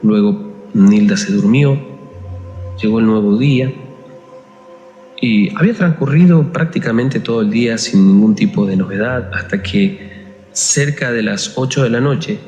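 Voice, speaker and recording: A man narrating a ghost story in slow, deliberate phrases. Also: on the low side, darkish tone, dull audio. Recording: echoey room with long reverb and faint music.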